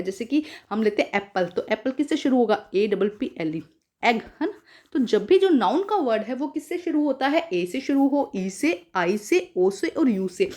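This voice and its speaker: Woman teacher, slightly high-pitched, patient, repetitive classroom explainer. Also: a little mellow. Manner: patient, repeats points and asks rhetorical questions; calls listeners "beta". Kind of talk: Hindi-English grammar lesson for schoolchildren.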